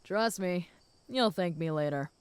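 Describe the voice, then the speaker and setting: A woman voicing a flirty, possessive and protective female werewolf in an intimate audio role-play, speaking teasingly to the listener in a smooth voice. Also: fairly low pitch, measured pace, no echo, lightly acted. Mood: calm, teasing. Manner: flirty, teasing, with soft chuckles.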